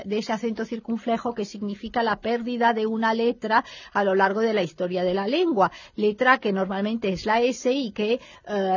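A woman teaches in a relaxed, chatty way, full of fillers and small check-ins with her listener. Her pitch sits mid-range for a woman. The recording is dry and a little muffled. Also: husky, no echo. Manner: thinks aloud, many fillers, keeps checking in with the listener. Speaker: French teacher. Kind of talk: explaining a language lesson in conversation.

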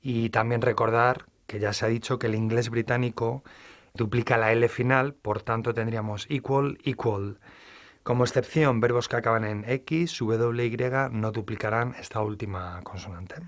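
A man explaining English grammar in Spanish, methodical and measured, reading out slow English example sentences. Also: mid-range voice, steady tone. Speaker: English teacher. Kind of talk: explaining grammar in a studio lesson.

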